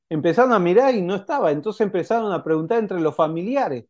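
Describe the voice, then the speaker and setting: A man preaching with a mellow, fairly high voice. He talks to the congregation as if chatting, tossing out rhetorical questions and restarting his sentences as he goes. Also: expressive. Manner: halting, with frequent restarts. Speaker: pastor. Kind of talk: sermon.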